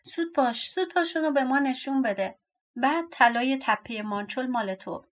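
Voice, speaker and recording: Greedy, ugly little dwarfs from a storybook, clamoring for treasure in shrill, repeated cries, as a woman reader puts them on. The voice sits high and pushes hard on every demand. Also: lively intonation, close to an everyday voice.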